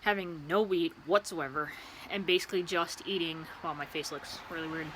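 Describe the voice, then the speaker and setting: A woman chatting casually to camera in a rambling, easily distracted way, outdoors beside a loud street. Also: deep voice, fairly even intonation, moderate pace. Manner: easily distracted, drifting between asides. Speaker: vlogger. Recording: outdoor traffic and ambient noise. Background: passing vehicles and outdoor ambience.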